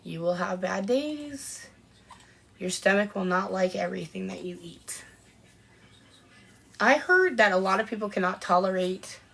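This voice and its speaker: A woman's voice: mid-range voice, creaky, a bit bright. Chatty woman answering live viewers. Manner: chatty, answers viewer comments with frequent ums. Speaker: podcast co-host. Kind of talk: casual live-stream chat.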